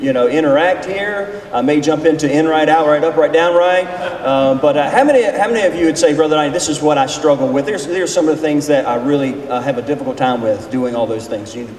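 A pastor in his forties, his voice a little high and a little mellow, gives an informal sermon during a seminar session. Folksy and conversational, he draws his listeners in with questions. The audio comes from a distance in a big, echoing hall and includes noise.

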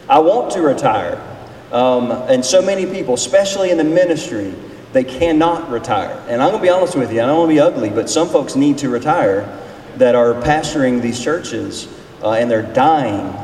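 This man in his forties has a mid-range, slightly mellow voice and preaches casually as a pastor heading a seminar session. In a folksy, conversational style, he questions the group he's addressing. The hall is large and reverberant, captured from afar with echo and noise.

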